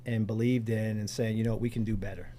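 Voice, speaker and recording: A middle-aged or older man from Pennsylvania, United States, a community organizer, talks conversationally as an interview guest in a radio studio. His voice is lowish and mellow, his delivery flat, and he talks fast.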